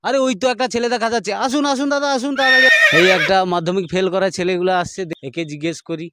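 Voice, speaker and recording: A man playing a parody news anchor, an excitable, mock-earnest TV reporter, wordy and repetitive. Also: sits high, quick pace, noisy background, close to an everyday voice. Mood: excited. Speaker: host of a parody news show. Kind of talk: parody news anchor, live street interview.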